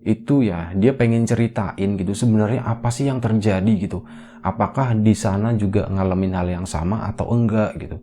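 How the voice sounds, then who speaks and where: A man casually retelling a ghost story in a relaxed, conversational way, full of little fillers, with an Indonesian accent. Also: lowish voice, moderate pace, a little hiss or hum. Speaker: horror storyteller.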